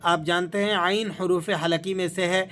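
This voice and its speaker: A man teaching Quran recitation rules, reciting verses slowly and drawn out, then explaining in calm plain speech. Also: high voice, slight background noise. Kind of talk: Tajweed lesson with slow recitation.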